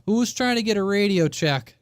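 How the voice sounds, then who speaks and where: A man's voice: high voice, expressive, fairly quick, background noise. A man chatting casually and bluntly as a radio operator hosting a live channel.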